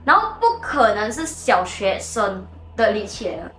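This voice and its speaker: A woman hosting a show and telling a ghost story casually, animated and mixing in English words. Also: medium pitch, measured pace. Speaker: host and storyteller. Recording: echoey room with faint music.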